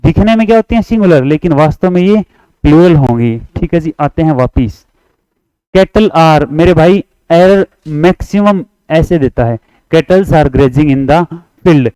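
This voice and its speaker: High-voiced Hindi-speaking grammar teacher, unhurried. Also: male voice, expressive, dark tone, clear, resonant tone, dry recording, rough recording. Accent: Haryanvi Hindi. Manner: repeats points and coaxes students to answer along; reads English example sentences slowly. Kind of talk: exam-prep grammar lesson.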